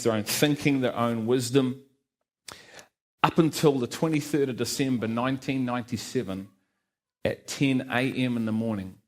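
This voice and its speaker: Earnest middle-aged Liverpudlian man. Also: medium pitch. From Liverpool, England. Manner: earnest, heartfelt, with light asides to the congregation. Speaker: guest speaker giving testimony. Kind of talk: church testimony.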